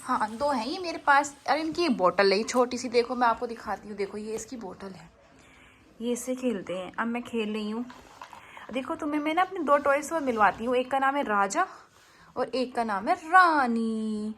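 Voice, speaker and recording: A woman's voice: a little high, lively intonation, moderate pace, fairly bright tone. A woman voicing a cheerful, chatty baby girl, narrating a vlog in the first person in sweet, sing-song baby talk. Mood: playful.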